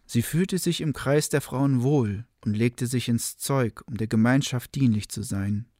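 A man narrating a legend in a calm, even storytelling manner. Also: mid-range voice, unhurried, dry recording, studio quality.

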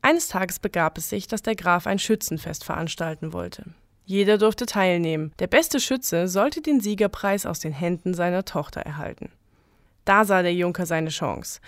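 A woman reading a folk legend aloud as a storyteller in a calm, measured way. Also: lowish voice, dry recording, studio quality. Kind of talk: scripted legend narration.

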